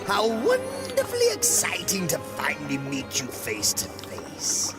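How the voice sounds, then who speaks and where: A man's voice: fairly high pitch, wildly swooping pitch, a little slow. A man playing a gleeful, maniacal supervillain in an audio drama, mocking and theatrical, drawing out his words between cackles. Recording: loud music under the voice.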